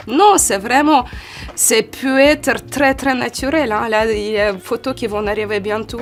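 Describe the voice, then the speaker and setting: A woman in her forties from Ukraine with a Ukrainian accent, a model answering interview questions in a halting way, often restarting. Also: fairly high pitch, fairly bright tone. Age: 40s. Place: photo studio.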